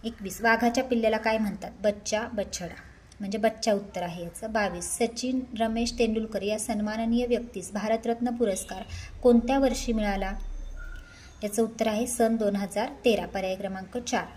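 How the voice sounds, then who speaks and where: A woman's voice: mid-range voice, fairly even intonation, normal speed, darkish tone, a little hiss or hum. A woman teacher going through exam questions step by step, reading each one aloud and then explaining its answer patiently.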